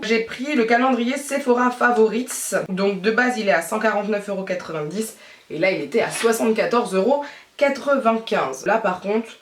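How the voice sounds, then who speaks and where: A woman from France rambles through a casual beauty vlog while doing her makeup, with her talk easy and unhurried. Her voice sits at an ordinary middle pitch. She is a little away from the mic, in a room with a noticeable echo. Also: distant mic. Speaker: beauty vlogger. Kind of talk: casual chatty haul vlog.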